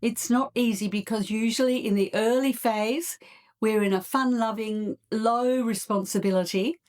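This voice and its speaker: Australian woman explaining as a podcast coach. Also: on the high side. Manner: measured, explanatory, with occasional soft laughs and fillers. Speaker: couples coach and podcast host. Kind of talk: solo podcast monologue.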